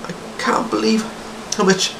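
Unhurried cigar reviewer, slightly raised pitch, speaking with cigar in mouth over steady noise. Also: male voice, creaky, reverberant. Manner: unhurried, drawn-out, savoring. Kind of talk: casual review talk.

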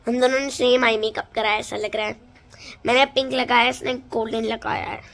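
Chatty teenage girl, high voice. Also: a little fast, gravelly. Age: teens. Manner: chatty, excited, showing things to camera. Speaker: vlogger, elder daughter. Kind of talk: casual vlog chat. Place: at home, then in a moving car.

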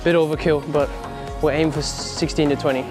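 A young man hosting a gym vlog, giving a brisk, plain rundown of the workout. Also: on the high side, steady tone, over loud music. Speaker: vlog host. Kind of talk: casual vlog narration.

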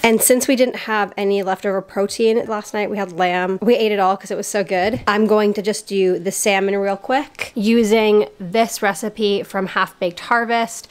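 A young woman in her twenties chatting casually while cooking in her home kitchen, upbeat and filling her talk with "like". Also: medium pitch. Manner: chatty, upbeat, says "like" often. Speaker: lifestyle vlogger. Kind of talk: casual cook-with-me vlog.

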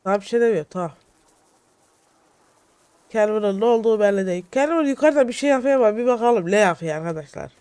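A young man giving excitable solo let's-play commentary, jittery and shouting at his in-game companions. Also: high-pitched, fast talker, long pauses, clean tone, no room sound. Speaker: gaming YouTuber.

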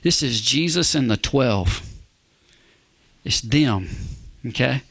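A male pastor preaching a verse-by-verse sermon, emphatic, often asking the congregation "Amen?" and dropping to a hushed whisper for emphasis. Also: mid-range voice, animated, takes it slowly, breathy edge, no room sound.

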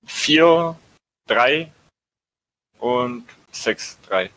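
Male let's-play host, bright tone, measured pace, barks out codes and curses casually. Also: mid-range voice, lively intonation, rough recording. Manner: calls out numbers and letters in bursts, swears under stress. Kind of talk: casual gameplay chat.

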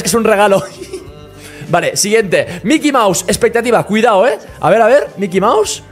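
A young man gives excited reaction commentary in a high, bouncing voice. He exclaims often and keeps turning to the viewer. Faint music plays under him. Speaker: short-video creator reacting to images. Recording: music playing faintly behind.

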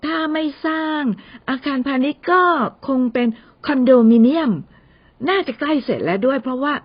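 A woman voicing a sharp-tongued young female secretary who talks in a nasal, sarcastic, teasing way. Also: sits high, animated, normal speed, lo-fi sound. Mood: curious. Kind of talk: audio novel character voice.

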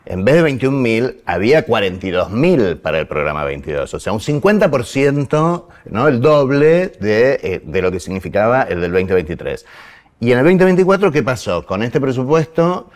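A man with a Rioplatense Spanish accent speaks as an interview guest, his voice sitting very low. He lays out numbers earnestly, with plenty of fillers and self-corrections along the way. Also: very animated, normal speed. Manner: explains with figures, frequent fillers and self-corrections. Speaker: guest, program director of a foundation.

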